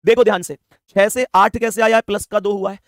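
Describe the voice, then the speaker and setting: A man's voice: high voice, fairly even intonation, a little fast, a bit bright, dry recording, studio quality. A man teaching an online exam math lesson, emphatic and coaxing, repeating key points and urging viewers to reply.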